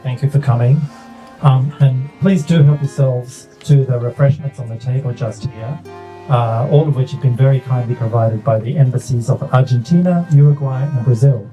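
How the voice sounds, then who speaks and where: Dark-voiced bookshop host, faint guitar. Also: male voice, mid-range voice, normal speed, poor audio. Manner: polite, welcoming, slightly scripted. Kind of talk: formal event introduction.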